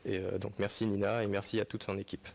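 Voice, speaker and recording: A man's voice: lowish voice, level tone, fast talker, gravelly, a little mellow. A man moderating a conference, closing with hesitant remarks full of fillers and then reading a speech aloud, with a French accent. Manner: hesitant, many fillers and restarts.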